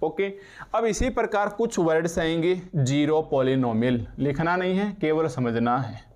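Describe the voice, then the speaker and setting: A man teaching maths in a classroom lecture, dictating definitions slowly and quizzing his students. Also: a little high. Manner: explains in Hindi with English terms, slow dictation, asks students questions.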